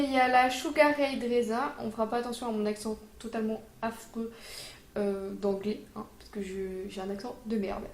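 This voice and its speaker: Woman doing a laid-back makeup review, kinda high voice, lots of euh and slang, echoey room. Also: slight background noise. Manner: chatty, informal, frequent fillers and slang. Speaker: beauty vlogger.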